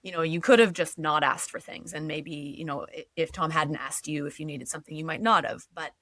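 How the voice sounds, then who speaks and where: A woman's voice: sits low, fairly quick, fairly bright tone, no room sound. A woman hosting a podcast, chatty and casual, filling her talk with "like" and acting out what others said. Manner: chatty, lots of "like", acts out quotes. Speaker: podcast host. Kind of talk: casual conversational interview.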